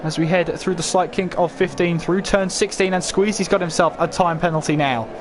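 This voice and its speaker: A man's voice: sits high, steady tone, fairly quick, background noise. A man commentating live on a motor race as a motorsport commentator, calling it play-by-play and posing questions as he goes. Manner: running play-by-play with rhetorical questions.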